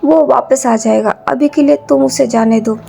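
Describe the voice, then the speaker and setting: Brief: woman doing a soothing, pleading mother, high and gravelly, storybook reading. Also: fairly even intonation, moderate pace, mellow, faint music behind. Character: mother soothing crying children.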